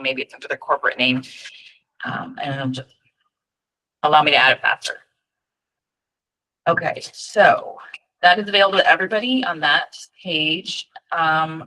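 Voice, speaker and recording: Through a rough recording comes a low, pushed, bright voice: a woman on the data team showing data tools over screen share at an online state EMS registry meeting. She talks informally, dropping frequent ums and friendly side comments.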